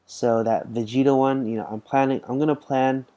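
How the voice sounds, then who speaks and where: Young male gaming host, sleepy rambling commentary, warm mellow tone. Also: medium pitch, fairly even intonation, normal speed. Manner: rambling, tired, lots of fillers and restarts. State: tired, yawning. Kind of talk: casual gameplay commentary.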